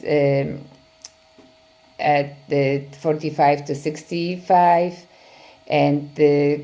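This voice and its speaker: A low, mellow voice belongs to a middle-aged woman from Poland giving a conference talk as a physical therapy professor. She has a Polish accent and keeps stopping to hesitate, filling the gaps with "uh."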